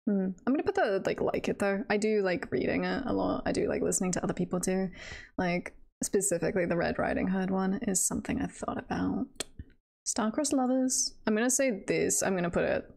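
A streamer and voice roleplayer talks casually with viewers during a live stream, her medium-pitched voice brisk, creaky and somewhat dark. Giggly and playful, she wanders from thought to thought, trailing off between them.

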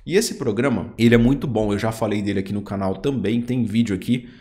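A man with a Brazilian Portuguese accent hosting a software tutorial, chatting straight to the viewer and pointing out each step. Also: on the low side, fast talker. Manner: chatty, addresses viewer directly, pointing things out. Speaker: YouTube tutorial host. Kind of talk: screen-recorded software tutorial.

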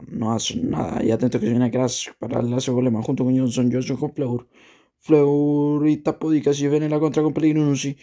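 A man's voice: mid-range voice, warm tone. A man commentating on a football video game, going through plays and figures and often repeating words.

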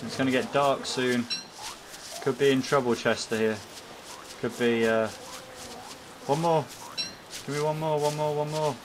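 A man giving jokey let's-play commentary, chatting to his in-game pet and swinging from bragging excitement to comic panic. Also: medium pitch, a little slow, pauses often, music in the background. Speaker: gaming YouTuber.

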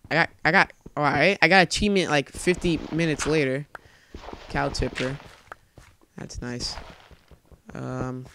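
A young man with a slightly high voice narrates his game in a jumpy, foul-mouthed way, muttering and then blurting out panicky outbursts. A faint hiss sits under his home mic. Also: steady tone, unhurried. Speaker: gamer. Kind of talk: let's play commentary.

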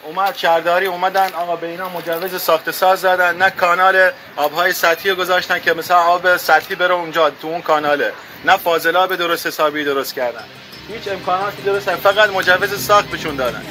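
A man's voice: sits high, steady tone, music in the background. Man explaining a complaint. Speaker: local resident interviewed.

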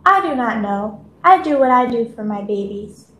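A woman voicing a gentle, motherly female rabbit in a read-aloud storybook. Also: fairly high pitch, lively intonation, moderate pace. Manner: gentle, fussing. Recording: echoey room, faint ambience.

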